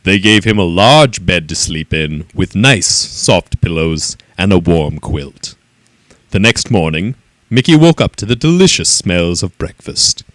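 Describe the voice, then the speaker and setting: A man reading a children's story aloud in an expressive, animated way. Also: sits low, unhurried, no room sound.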